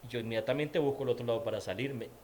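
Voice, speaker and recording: A man's voice: mid-range voice, rapid-fire, a little mellow, slight background noise. A man with a Nicaraguan accent, an interview guest giving a personal faith testimony, repeating words for emphasis. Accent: Nicaraguan Spanish.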